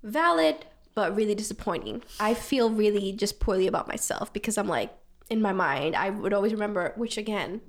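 A young woman chatting casually, telling a story in an animated way with frequent laughs and lots of "like". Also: medium pitch, fairly quick.

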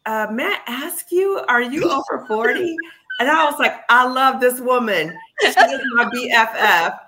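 A woman in her fifties, a psychologist hosting a podcast, talking in a chatty, animated way with plenty of fillers. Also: on the high side, unhurried, noisy background. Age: 50s. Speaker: clinical psychologist, podcast host. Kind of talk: casual podcast interview.

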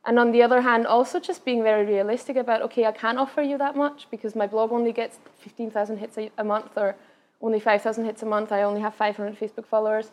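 A young Austrian woman, a guest speaker whose native language is Austrian German, speaks with an Austrian accent carrying hints of Scottish. Fielding audience questions at a live event, she talks quickly and chattily, full of fillers and restarts, in a slightly high, flat delivery.

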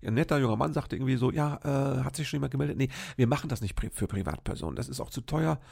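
An older man hosts a podcast and tells a meandering story in a chatty, conversational way, often checking in with his listeners. His voice is strongly gravelly and husky, and he keeps it sounding like a friendly chat. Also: medium pitch, fast, darkish tone. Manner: chatty, rambling, addresses listeners directly with "ne?". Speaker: podcast host. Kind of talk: casual storytelling monologue.

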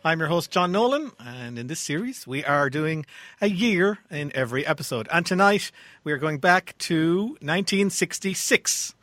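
A man's voice: on the high side, lively intonation, normal speed, fairly bright tone, no room sound. An Irish-accented man presenting a radio quiz show as its host. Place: radio studio.

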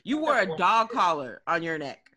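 Bright, insistent woman in casual chat. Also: lowish voice, very animated, moderate pace. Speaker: podcast panelist.

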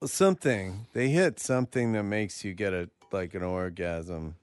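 Podcast host guy, slow and teasing, smooth voice, dry close sound. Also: low-pitched, no room sound. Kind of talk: casual banter.

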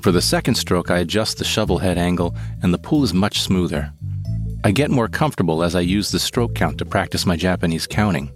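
Low-voiced man, steady scripted narration, guitar music playing underneath. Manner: calm, measured storytelling in present tense. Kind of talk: scripted first-person narration.

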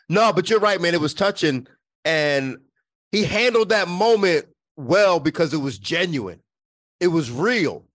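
An easygoing man joins a podcast as guest co-host, agreeing and laughing along. His voice sits a little high. The recording is dry and close. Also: lively intonation, measured pace, a bit bright, no room sound. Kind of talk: casual chat.

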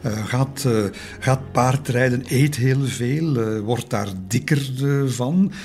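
A man's voice: mid-range voice, takes it slowly, darkish tone. A man telling a history story in a conversational, hesitant way, with many fillers and tag questions. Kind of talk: casual spoken history narration.

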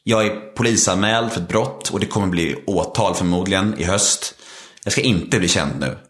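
A man's voice: sits low, a bit bright, roomy sound. A man in his thirties candidly telling his life story, with lots of restarts and fillers. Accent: Swedish. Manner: repetitive restarts, frequent filler "liksom". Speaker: podcast guest.

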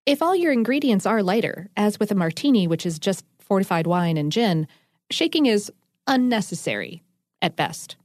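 A woman's voice: medium pitch, very animated, moderate pace, a little mellow, dry recording. Chatty woman co-host, dry close mic. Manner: chatty, enthusiastic, explains with asides. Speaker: podcast co-host. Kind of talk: casual chat explaining food science.

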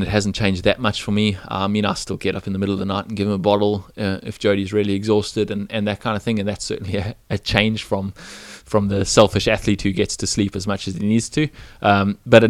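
A man's voice: on the low side, no room sound. A man in his thirties talking casually and reflectively in an interview as an athlete. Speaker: professional triathlete, interviewee.

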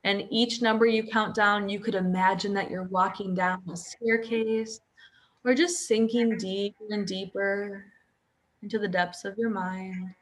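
A woman guiding a hypnosis session as a hypnotherapist, speaking softly and soothingly in repetitive phrases. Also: medium pitch, steady tone, measured pace, low-quality recording.

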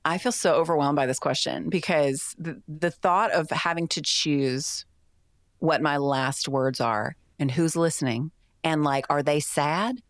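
A woman who is a guest on a podcast, talking in an animated, self-deprecating way during a party game. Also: deep voice, measured pace, dry recording, studio quality. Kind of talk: casual chat.

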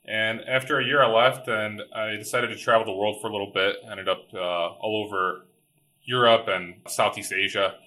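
A company founder from Chicago, USA, tells his story over a remote call from home, in a fairly low, steady voice that is bright and forceful at a moderate pace. He keeps it easygoing, with lots of repeated words and "like" fillers.

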